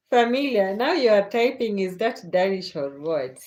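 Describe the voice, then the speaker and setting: Late at night, a Kenyan livestream host reads viewer comments in a relaxed, unhurried chat, laughing often. Her mid-range voice has big pitch swings and a slightly mellow quality, and she speaks at a measured pace.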